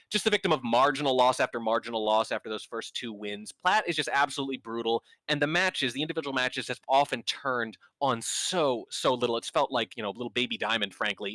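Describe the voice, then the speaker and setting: A man's voice: medium pitch, sharp tone, dry recording. A man co-casting a video game match, chatty and sarcastic, joking as he breaks down the players. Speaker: co-caster. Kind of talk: esports commentary.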